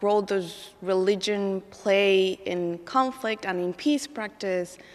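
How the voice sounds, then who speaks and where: A woman's voice: medium pitch, steady tone, slow, big-room sound. A woman from Mexico, a graduate student, speaking carefully and earnestly about why she took a course. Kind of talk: recorded student testimonial.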